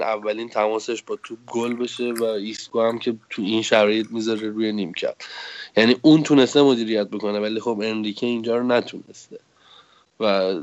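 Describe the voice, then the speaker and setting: Man giving long analytical football takes. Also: on the low side. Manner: long, analytical, argumentative turns. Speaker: football podcast co-host. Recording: slightly dull, lo-fi sound.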